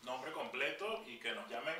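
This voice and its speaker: Man, Venezuelan accent, calm explaining manner, echoey room, faint background noise. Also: mid-range voice, normal speed, distant mic. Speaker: podcast co-host. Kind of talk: casual chat.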